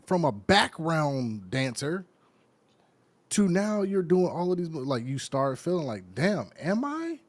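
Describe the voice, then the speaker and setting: A man's voice: fairly high pitch, lively intonation, measured pace, dry recording. A man co-hosting a podcast in loose, casual chat, with an American accent, talking with lots of fillers and laughing often. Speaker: podcast co-host.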